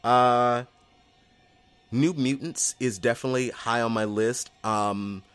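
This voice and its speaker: A man hosting a casual podcast chat, excitable and quick to laugh, with lots of ums. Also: medium pitch, clear, resonant tone, no room sound. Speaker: podcast host.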